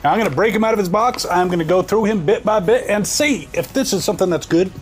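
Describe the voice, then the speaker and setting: A man talks through an unboxing, his voice sitting a little above the usual for a man. He keeps it casual and wisecracking, slipping jokes between observations. Soft music hums faintly behind him. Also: high voice, fast. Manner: joking, wisecracking asides. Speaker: toy reviewer and host.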